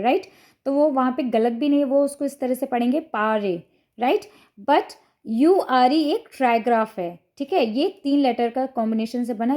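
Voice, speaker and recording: ऊँची, मधुर आवाज़ वाली महिला शिक्षिका. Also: female voice, high voice, dark tone. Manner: patient, step-by-step explaining with frequent "ठीक है" checks. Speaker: teacher explaining phonics to parents. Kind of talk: explanatory lesson to camera.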